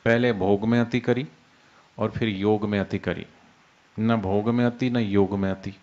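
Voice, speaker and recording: Calm man giving a spiritual talk. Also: fairly low pitch, dull audio. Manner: unhurried, explains with everyday examples, demonstrates soft and loud speech. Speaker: spiritual teacher. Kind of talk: devotional discourse.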